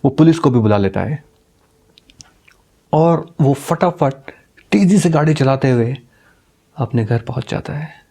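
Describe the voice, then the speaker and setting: A man's voice: medium pitch, expressive, a little slow, creaky, long pauses, dark tone. A man telling a scripted horror story in a dramatic, suspenseful manner.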